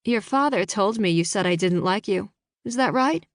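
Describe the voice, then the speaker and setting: A woman's voice: medium pitch, lively intonation, normal speed, no room sound, clean studio sound, natural voice. A woman doing a blunt old grandmother. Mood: curt. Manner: curt, dismissive. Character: blunt grandmother, cold and no-nonsense.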